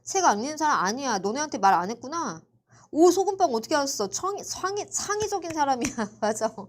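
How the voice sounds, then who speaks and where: Lively, teasing woman tutor. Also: high-pitched, fast talker. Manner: chatty, teasing, lively, quizzes students by name. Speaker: Korean literature tutor. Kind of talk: live online class. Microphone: computer mic for a livestream.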